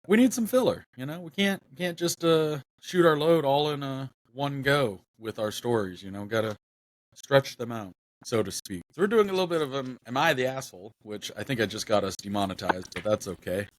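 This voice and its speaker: A man's voice: medium pitch, expressive, fairly quick, dry recording. A man co-hosting a podcast, chatting casually with a friend, laughing and swearing freely. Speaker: podcast co-host.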